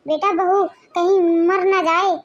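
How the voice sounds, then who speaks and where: Casting: an anxious older mother-in-law, voiced by a woman, very high pitch, pleading. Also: steady tone, measured pace, dull audio, a little hiss or hum. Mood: worried pleading.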